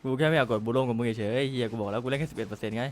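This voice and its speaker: A man streaming a game live, trash-talking his friends and firing off the same words again and again in quick bursts. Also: medium pitch. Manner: rapid excited trash talk with friends; repeats words in fast bursts. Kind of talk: live gameplay commentary.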